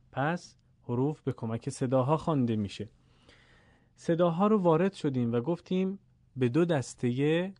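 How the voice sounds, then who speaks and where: A male Quran recitation teacher gives a recorded lesson at a middle pitch. He explains patiently and draws out example syllables slowly for the listener. The sound is dry and close. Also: darkish tone, no room sound.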